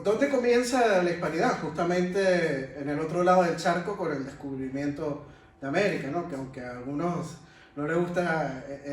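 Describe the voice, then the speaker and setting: A higher-voiced man with a Venezuelan Caribbean accent addresses a round table, often checking in with rhetorical tags. The sound is very reverberant and picked up from a distance. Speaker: panel speaker and history communicator. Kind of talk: public talk at a round table. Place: echoey room in a monastery, before an audience. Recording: very echoey, distant mic, faint noise.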